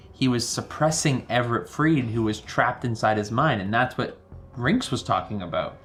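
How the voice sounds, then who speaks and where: A man banters as a player in a tabletop game. His delivery is casual and jokey, at a middle pitch, with faint music underneath. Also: a bit bright.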